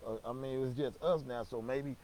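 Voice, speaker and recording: A man's voice: mid-range voice, steady tone, a little fast, darkish tone, a little hiss or hum, poor audio. A young man telling a casual story, rambling and slangy, with lots of swearing and stammered restarts.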